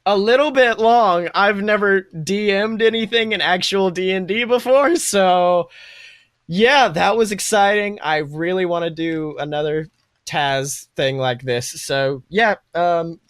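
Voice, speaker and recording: Recorded in a clean studio with no room sound, a man with a high, fairly bright, clean voice talks at an unhurried pace. He hosts a podcast, game-mastering improvised second-person fantasy tales and chatting between them.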